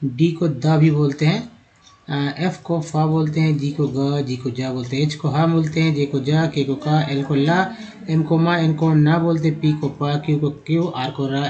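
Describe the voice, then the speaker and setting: A man teaching English pronunciation to viewers, slowly spelling out letters and sounding out words, often calling his viewers friends. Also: a little high, darkish tone, lo-fi sound. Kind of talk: explaining a lesson in Hindi.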